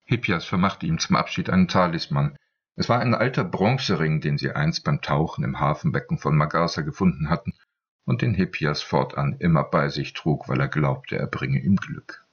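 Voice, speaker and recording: A man tells the story steadily, in the measured manner of an audiobook narrator. His voice is very deep and husky. The recording sounds dull and lo-fi. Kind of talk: scripted narration.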